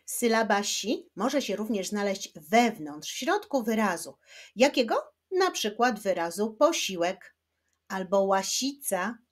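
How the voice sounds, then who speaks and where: A woman teacher giving a children's reading lesson, slowly clapping out words syllable by syllable. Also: mid-range voice, sing-song. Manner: slow, clapping out syllables one by one.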